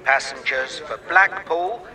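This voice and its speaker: A man reading formal train station announcements slowly and evenly for a listening exercise. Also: medium pitch, sharp tone, recorded from a distance. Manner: slow, formal, evenly paced.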